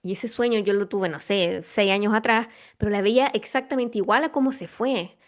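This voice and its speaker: A woman's voice: medium pitch, normal speed. Reflective Chilean woman hosting a chat. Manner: reflective, many fillers and restarts. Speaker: podcast host. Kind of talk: casual spiritual conversation.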